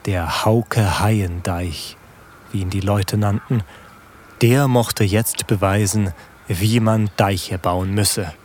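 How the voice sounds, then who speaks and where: A man reading a classic novella aloud in a measured, solemn way. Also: fairly low pitch, fairly even intonation, slight background noise. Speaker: narrator. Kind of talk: literary reading.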